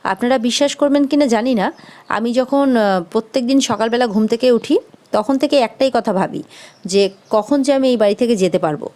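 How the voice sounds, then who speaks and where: A woman's voice: fairly high pitch, fairly quick, dark tone, natural voice. A woman voicing a weary young bride-to-be who speaks bitterly about her home.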